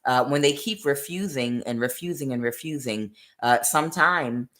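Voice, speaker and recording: A woman's voice: rumbling low, normal speed, fairly bright tone. A woman giving a rambling spiritual tarot reading, full of "uh" fillers and acted-out quotes. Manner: rambling, many "uh" fillers, acts out quoted voices. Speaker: tarot reader.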